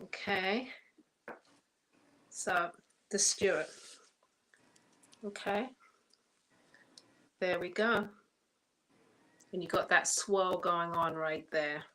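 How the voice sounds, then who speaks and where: Bright-voiced breathless woman chatting. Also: on the low side, steady tone, very slow, pauses often, low-quality recording. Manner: chatty, laughs between phrases. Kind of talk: casual livestream chat.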